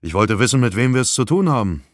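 A man voicing a good-natured, brisk male detective who gives orders at a crime scene. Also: mid-range voice, big pitch swings, no echo, studio quality, pitched above the performer's own voice, close to an everyday voice.

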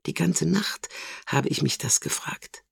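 A fragile, withdrawn middle-aged woman with a soft, hesitant way of speaking, voiced by a man reading a novel aloud. Her quiet lines keep a gravelly texture. The sound is close and dry. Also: a little high, unhurried, no echo, voice pushed up, full character voice. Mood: subdued.

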